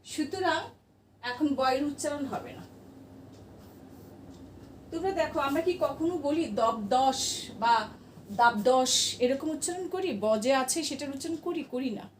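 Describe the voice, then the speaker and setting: Woman teacher, high voice, patient question-and-answer lesson, distant mic with room echo. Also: normal speed, long pauses, a little hiss or hum. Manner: patient, asks the class questions and answers them herself. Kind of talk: classroom grammar lesson.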